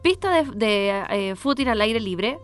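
A woman's voice: mid-range voice, lively intonation, a little slow, faint music behind. A woman with a Chilean Spanish accent chatting casually on the radio as a travel agent presenting offers.

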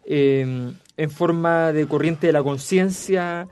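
A man's voice: on the high side, slow pace, smooth. Man discussing a novel. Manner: reads a dialogue passage aloud softly. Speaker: book club discussant. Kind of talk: casual literary discussion.

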